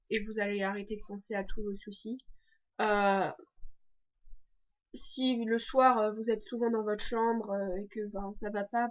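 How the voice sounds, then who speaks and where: Chatty teenage French girl, lo-fi sound. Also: fairly high pitch. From France. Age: teens. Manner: chatty, many fillers and restarts. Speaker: exchange student vlogger. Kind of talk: casual video diary. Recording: dull lo-fi sound.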